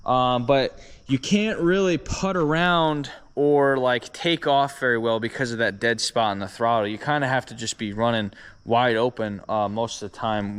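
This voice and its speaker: A man talks to the camera outdoors by a driveway in an easy, unhurried way. His voice is smooth and clear, at a middle pitch, and he fills his pauses with plenty of ums and uhs. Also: in a large hall. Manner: relaxed, many ums and uhs. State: out of breath after kick-starting. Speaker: vlogger. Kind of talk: casual explaining to camera.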